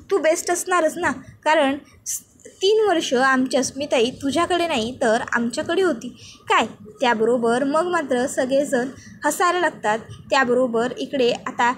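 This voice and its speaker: A woman retelling a TV serial episode in a steady storytelling voice, quoting each character herself. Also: high voice, a little hiss or hum. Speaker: serial recap narrator.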